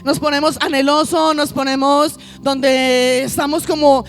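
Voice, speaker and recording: A woman's voice: high-pitched, little pitch movement, unhurried, faint music behind. A woman pastor preaching a sermon, piling up lists and asking the congregation rhetorical questions.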